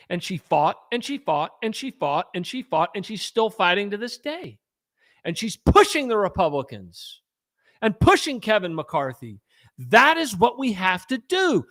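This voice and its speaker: A man's voice: high-pitched, fairly bright tone. A man hosting a fiery advocacy livestream, combative and rallying. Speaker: gun rights advocacy host.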